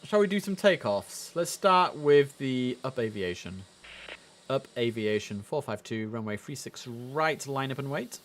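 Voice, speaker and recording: In a mid-range voice, a little on the slow side, this man offers casual game streaming commentary. He chats away and sometimes switches to clipped air traffic radio phrasing against steady background noise.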